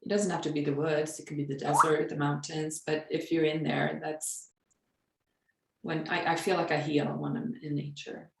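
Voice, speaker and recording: A woman's voice: low-pitched, flat delivery, moderate pace, gravelly. Earnest woman from Sweden, echoey room. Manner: earnest, reflective, with light laughs. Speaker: guest. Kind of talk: casual conversation.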